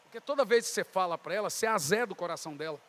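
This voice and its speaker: A Brazilian man preaching a sermon as a pastor, telling a story and acting out both sides of the dialogue, at times building to shouts. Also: high voice, animated, rapid-fire. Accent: Brazilian Portuguese. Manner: storytelling, voicing God and others in dialogue, rising to shouts.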